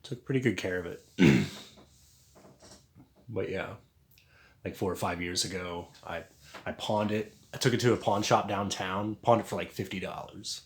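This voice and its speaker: A man telling a personal story in a casual, halting way, earnest and confessional, with lots of fillers and restarts. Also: sits low.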